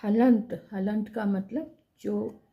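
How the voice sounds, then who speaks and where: A woman teaching Hindi grammar, explaining spelling mistakes slowly and deliberately and repeating each corrected word for emphasis. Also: medium pitch, fairly even intonation, muffled recording.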